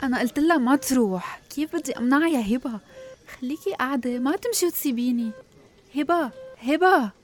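A haunted, distressed young female patient in a radio serial. Her plaintive voice is fairly high with a Levantine accent, over faint music. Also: expressive, fast talker. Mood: pleading. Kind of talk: radio drama acting.

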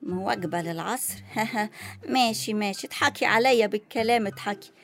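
An actress playing a suspicious, sharp-tongued elderly grandmother in a comedy sketch, speaking with an Egyptian accent. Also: mid-range voice, brisk, vocal fry, faint music behind, lightly acted. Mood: grumbling. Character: fussy elderly grandmother new to phones.

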